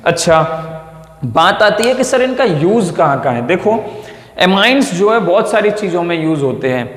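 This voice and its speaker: Male chemistry tutor, high voice, repeats terms, checks in with students; echoey classroom with a long tail, mic off at a distance. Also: big pitch swings, moderate pace. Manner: repeats key terms, calls students "beta", checks understanding often. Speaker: chemistry teacher. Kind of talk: classroom lecture at a whiteboard. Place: classroom or studio with a whiteboard. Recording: echoey room with long reverb.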